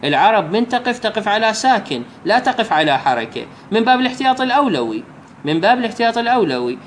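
A man with an Iraqi Arabic accent giving a religious lesson, explaining step by step and slowly reciting example phrases. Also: high-pitched, very animated, a little hiss or hum. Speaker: religious teacher.

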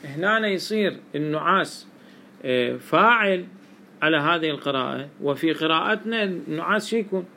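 Gravelly-voiced man teaching. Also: fairly high pitch, animated, moderate pace, bright, forceful tone, a little hiss or hum. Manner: explains step by step, quizzing students with questions. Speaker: teacher of Quranic exegesis. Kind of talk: classroom lesson.

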